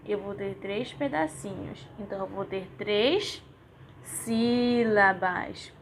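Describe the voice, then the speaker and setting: A woman's voice: mid-range voice, expressive, a little slow, a little hiss or hum. A woman teaching young children in a recorded lesson, with a patient sing-song way of breaking words into syllables. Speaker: primary school teacher.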